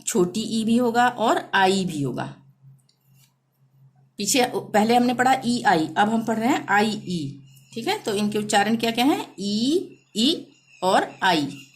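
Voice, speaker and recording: A woman teaching a pronunciation lesson, drawing out each word and repeating it several times. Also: fairly high pitch. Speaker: language teacher. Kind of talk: slow step-by-step pronunciation lesson.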